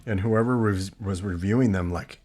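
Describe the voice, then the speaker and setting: Laid-back Californian man, lowish voice. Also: moderate pace, a little mellow. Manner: laid-back, laughs often. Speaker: guest musician. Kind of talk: casual podcast chat.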